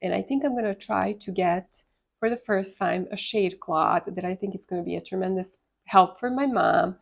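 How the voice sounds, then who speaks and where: A woman from Serbia hosts a succulent gardening vlog, chatting casually in a Serbian accent. She sounds congested from a sinus infection, with a medium-pitched voice, a moderate pace and some vocal fry.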